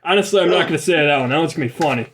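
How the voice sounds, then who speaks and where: A man's voice: a little high, very fast, fairly bright tone, slightly rough. A young man running a tabletop game, rambling with crude jokes and lots of fillers. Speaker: game master. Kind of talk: casual tabletop game narration.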